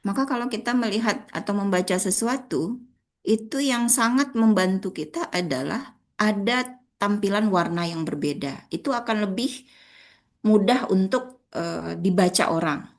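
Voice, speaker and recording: A woman's voice: mid-range voice, lively intonation, normal speed. Woman, Indonesian accent, workshop trainer, talks straight to the group, acts out intonation. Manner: addresses audience as friends, demonstrates intonation. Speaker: public speaking workshop trainer. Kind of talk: workshop talk to participants.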